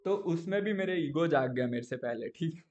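Animated young man telling stories on stream. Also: fairly high pitch, a little fast, highs cut off. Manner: animated storyteller who keeps checking in with viewers. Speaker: live-stream gamer. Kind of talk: casual live-stream chat.

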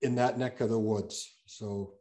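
Mellow-voiced man rambling through answers. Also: fairly low pitch, steady tone, a little slow. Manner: rambling, self-correcting, hesitant with many fillers. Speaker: guest speaker, geologist. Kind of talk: answering audience questions in an online talk.

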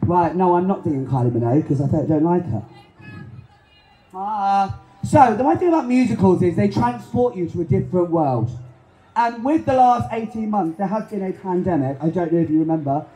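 Between songs at an outdoor Pride event, a man in drag jokes with the audience on a handheld stage mic in a camp, chatty, self-deprecating style. His high, expressive voice moves fairly quickly through an echoey, low-quality recording, with loud guitar music behind him.

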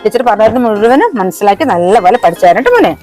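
A woman's voice: medium pitch, big pitch swings, fast, darkish tone, rough recording. A woman acting as a fussy, doting grandmother in a family sketch, with light music behind. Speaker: grandmother character.

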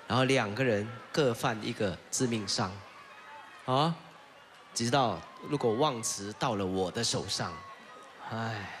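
A man judging a singing contest, telling contestants to relax in an animated, encouraging way. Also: medium pitch, a little hiss or hum. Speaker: judge. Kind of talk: judge's critique on a talent show.

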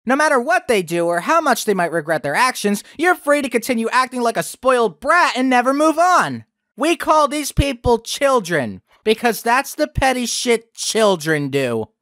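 A man's voice: very high voice, big pitch swings, moderate pace, fairly bright tone, no echo, clean studio sound. A young man hosting a review video, with sarcastic, profane ranting commentary. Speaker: video critic host.

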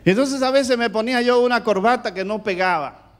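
A middle-aged man from the Caribbean with a Caribbean Spanish accent, preaching a sermon in a loud, animated way that swings between booming and hushed. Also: fairly quick, slight background noise.

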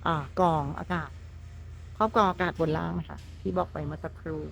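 A woman's voice: fairly low pitch, steady tone, fairly quick, gravelly, soft background music. A woman presenting a walkaround of a customized truck at a workshop. She talks in a chatty, enthusiastic, polite way. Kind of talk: walkaround vehicle showcase.

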